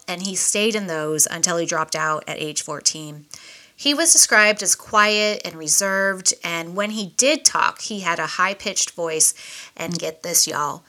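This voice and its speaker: Bright-voiced woman podcast host. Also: mid-range voice. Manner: chatty, reads notes aloud with asides. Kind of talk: casual true-crime podcast chat.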